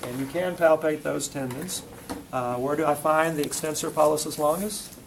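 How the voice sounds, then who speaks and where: This instructor's voice sits on the high side, moving at a moderate pace with fairly level intonation. He runs a practical classroom demo, giving short commands over and over and questioning students between steps, all captured in a noisy classroom.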